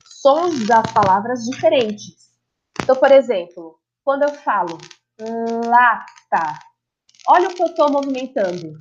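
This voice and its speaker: A woman's voice: on the high side, breathy edge, lo-fi sound. A woman, a speech therapist explaining how the voice works and demonstrating sounds as she goes. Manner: demonstrates sounds, checks understanding with listeners. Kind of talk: explanatory lesson.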